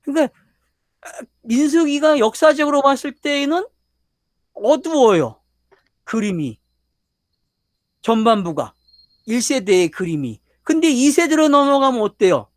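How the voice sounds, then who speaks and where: An older man preaches a sermon lecture in a very high-pitched, animated voice, a little slow and pausing often. The studio recording is dry and clean, and he presses his points hard while repeatedly questioning his listeners.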